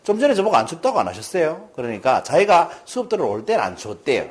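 A man speaks fast to a lecture audience in a slightly high voice, weaving in stories. He animatedly performs the characters' quoted lines.

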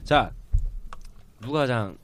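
A man's voice: medium pitch, animated, slow, background noise. A man teaching a group English class, coaxing students upbeat.

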